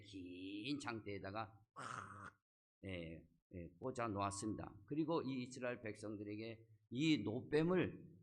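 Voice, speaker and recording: A man, senior pastor of a church, preaching a sermon and retelling a scripture story, dotting his sentences with short affirming fillers. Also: fairly low pitch.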